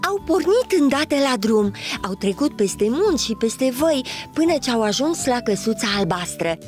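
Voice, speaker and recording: A woman narrating a children's storybook with an animated, storytelling lilt. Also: fairly high pitch, soft background music.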